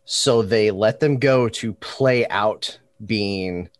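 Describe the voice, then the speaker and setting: Low-voiced blunt man, dry mic. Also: slow pace, no room sound. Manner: blunt and profane. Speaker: podcast co-host. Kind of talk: casual chat.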